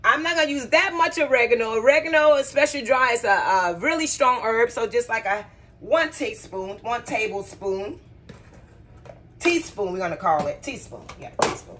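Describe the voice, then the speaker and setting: A woman's voice: fairly high pitch, lively intonation, normal speed, fairly bright tone, slight background noise. A woman cooking at home and chatting casually to her viewers, often calling them guys and y'all as she works. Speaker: cooking vlogger. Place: home kitchen.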